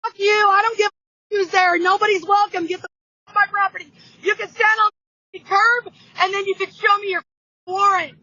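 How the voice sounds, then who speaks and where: Woman yelling through a doorbell speaker. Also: very high voice, steady tone, normal speed, dry recording, highs cut off. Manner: yells furious profanity, ordering officers away. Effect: heard through a doorbell camera speaker.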